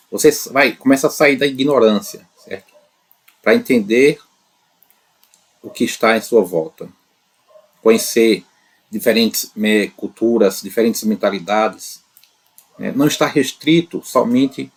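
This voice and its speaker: A man teaching an English lesson on his channel, talking in an unhurried, encouraging way and filling pauses with little tag questions. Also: lowish voice, breathy edge. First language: Portuguese. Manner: unhurried, fills pauses with "né" and "tá bom"; encouraging, talks straight to learners. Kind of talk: casual spoken lesson to camera.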